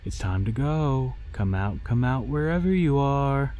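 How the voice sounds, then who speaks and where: A man's voice: medium pitch, expressive, unhurried, dark tone, pitched above the performer's own voice, natural voice. A man voicing an exasperated young aunt in a horror story, coaxing and scolding her niece. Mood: sing-songy calling. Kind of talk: acted dialogue in horror story narration. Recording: music behind the voice.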